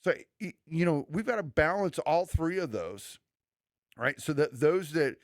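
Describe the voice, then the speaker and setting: A man's voice: on the high side, lively intonation, measured pace, no room sound, studio quality. A man who is a pastor, co-hosting a church podcast in an earnest, conversational way, often restarting and acting out quoted remarks. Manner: earnest, preachy, many restarts and quoted asides.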